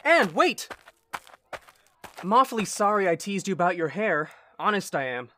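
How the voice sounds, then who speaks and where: Teasing, brash schoolboy for period drama: animated, boyish, cocky. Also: female voice, medium pitch, normal speed. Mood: apologetic, pleading. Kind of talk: period audio drama acting.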